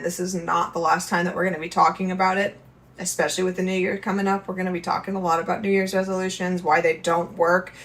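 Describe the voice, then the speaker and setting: Woman giving casual advice to viewers. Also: on the low side. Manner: earnest, conversational, addresses viewers directly. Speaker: lifestyle channel host. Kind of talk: casual advice talk to camera.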